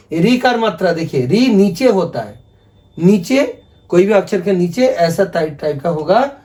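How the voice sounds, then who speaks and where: Man, native Bengali speaker, high voice, patient teacher, repeats points often, lesson video. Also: warm tone. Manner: patient, repetitive explaining, asks viewers to repeat after him. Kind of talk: video lesson explaining script.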